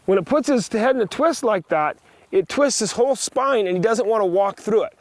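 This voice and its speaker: A man teaching a riding lesson, giving brisk, projected commands in short directives along with plain, practical explanation. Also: high voice, lively intonation, no room sound. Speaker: horse riding instructor. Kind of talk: hands-on riding lesson, instructing a student.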